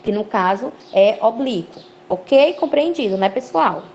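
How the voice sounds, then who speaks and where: Woman teaching a lively online class. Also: a little high, unhurried. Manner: didactic, checks in with frequent "ok?" and "né?"; lively, rising emphasis on key words. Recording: slightly dull lo-fi audio with faint noise.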